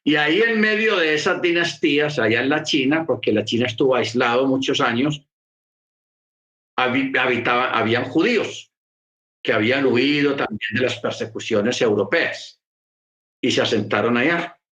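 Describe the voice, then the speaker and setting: A man's voice: mid-range voice, moderate pace, bright, forceful tone, roomy sound, dull audio. A man preaching a sermon, explaining patiently and repeating key phrases for emphasis. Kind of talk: sermon teaching.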